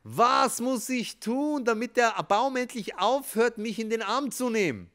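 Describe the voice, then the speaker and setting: A man playing a desperate father who shouts slowly and loudly while clinging to a tree, in a spoken parable. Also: very high voice, clear, resonant tone, pitched above the performer's own voice. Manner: loud, slow, pleading shout.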